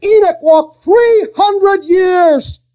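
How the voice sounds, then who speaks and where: A middle-aged male pastor preaching a sermon, swinging his voice up and down and drawing out key words. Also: extremely slow. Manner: preaching with sudden pitch swings and quoted voices.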